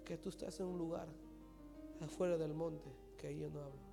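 A man preaching a sermon, swinging from loud, fast preaching to hushed whispers. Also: on the high side, steady tone, vocal fry. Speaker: pastor. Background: music playing.

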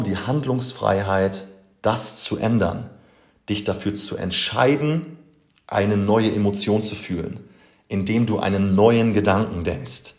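A man's voice: on the low side, echoey room. A man who works as a coach, talking earnestly and emphatically to his podcast listeners, addressing them directly and mixing in English phrases. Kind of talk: motivational podcast talk.

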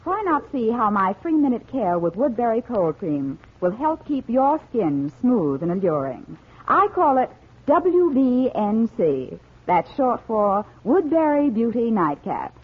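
A woman delivers a scripted 1940s radio testimonial. Her voice is a little husky with lively intonation. The recording sounds narrow and scratchy, like an old broadcast. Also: fairly high pitch, a little slow.

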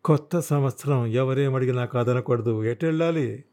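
A man's voice: mid-range voice, moderate pace, warm tone, natural voice. A man voicing a boisterous, slightly drunk young hippie biker, breezy and slangy, in an audiobook. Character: brash tipsy young male hippie biker. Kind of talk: audiobook character voice.

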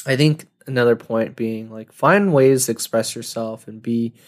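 A young man in his twenties talks through a relaxed solo podcast episode. His voice sits at a middle pitch, and he rambles and doubles back on himself. He often laughs at his own jokes. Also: moderate pace. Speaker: podcast host. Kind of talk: casual solo monologue.

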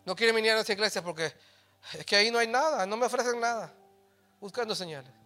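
A middle-aged man preaching a sermon, mixing in English phrases and swinging from soft asides to loud exhortation. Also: high voice, quick pace, soft background music. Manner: mixes English phrases into Spanish.

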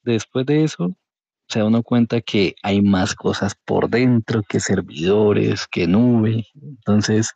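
A Colombian-accented man tells his story in a casual, colloquial way. His voice is very mellow and a bit low, on a slightly dull lo-fi recording. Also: slow, creaky, slightly rough, dry recording. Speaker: podcast guest, career changer into programming. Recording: dull, lo-fi audio.

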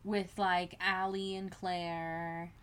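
Slow-talking woman hosting a casual podcast. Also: on the low side, little pitch movement, fairly bright tone, clear, resonant tone. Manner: chatty, laughs at own retelling. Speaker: podcast host. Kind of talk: casual fan podcast recap.

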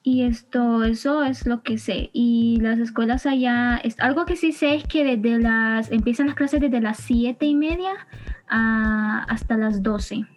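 A young woman from Honduras with a Honduran accent, chatting hesitantly on a podcast and filling pauses often. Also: on the high side. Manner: hesitant, fills pauses with "esto", giggly. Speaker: student podcast guest. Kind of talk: casual podcast chat.

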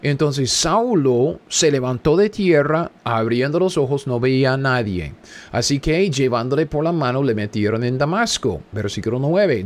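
A man leading a Bible study, reading passages aloud and repeating key words for emphasis, often checking in with his listeners. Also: medium pitch. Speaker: Bible teacher.

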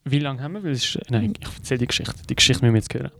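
Fast-talking young Swiss man. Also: medium pitch, vocal fry, no echo. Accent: Swiss German. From Switzerland. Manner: animated, acts out dialogue in his stories. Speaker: podcast co-host. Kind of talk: casual storytelling chat.

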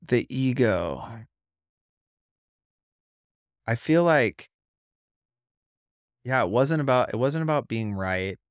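A man's voice: medium pitch, lively intonation, takes it slowly, pauses often, dry recording, clean studio sound. A man in casual podcast conversation, thinking aloud and searching for words, with many likes.

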